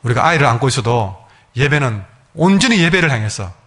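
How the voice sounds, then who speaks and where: A man's voice: medium pitch, very animated, brisk, fairly bright tone. A male pastor preaching a sermon emphatically, acting out his congregation's words.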